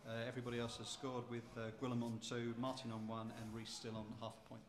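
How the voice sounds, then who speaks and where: A man keeping score at a quiz, announcing names and totals in a matter-of-fact way. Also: medium pitch. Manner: flat, brisk score announcements. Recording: echoey room with faint noise.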